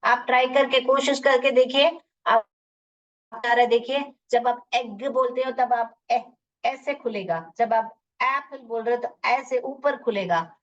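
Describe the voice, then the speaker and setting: A woman teaching phonics in a live online class, sounding out letters one by one and mixing Hindi explanations with English words. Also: fairly high pitch. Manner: drills sounds slowly, letter by letter. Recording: dull distant lo-fi audio.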